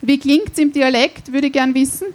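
A woman hosting a live podcast on stage, asking quick playful questions. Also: high voice, fairly even intonation, darkish tone. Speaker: podcast host. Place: outdoor stage at a live event.

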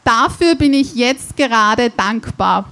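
A woman hosting a live podcast on stage, asking quick playful questions. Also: on the high side, animated, a bit bright. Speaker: podcast host. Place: outdoor stage at a live event.

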